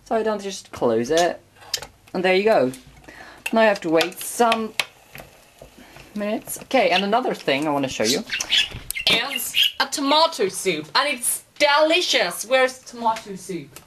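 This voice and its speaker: With a medium-pitched voice that swings widely in pitch, a young woman talks a little slowly and leaves long pauses. She's vlogging from her small indoor kitchen, rambling to her pet bird while cooking lunch, and the handheld camera's audio is noisy.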